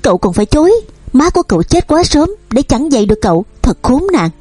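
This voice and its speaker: A spiteful stepmother who is cold and cutting, played by a woman. Her lines rise higher than the narration. The voice is husky and the recording is dry. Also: sing-song, fast talker, no echo, heavily acted. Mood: angry. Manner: sharp, cold, shouting. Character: bitter, spiteful middle-aged stepmother.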